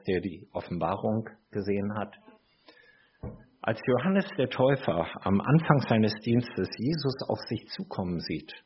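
A middle-aged man preaching a sermon in a slow, reflective way, with chatty asides to his listeners. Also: lowish voice, a little hiss or hum. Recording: dull lo-fi recording.

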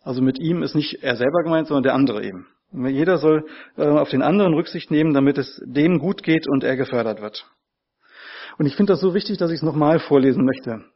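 Husky-voiced man preaching a sermon. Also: fairly high pitch, brisk, lo-fi sound. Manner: earnest, repeats key phrases for emphasis.

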